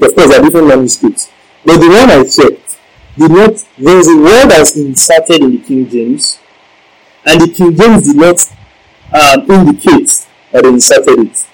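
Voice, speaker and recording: A man's voice: a little high, animated, normal speed, low-quality recording. A male preacher giving a Bible-teaching sermon, emphatic, repeating key lines and asking the congregation questions.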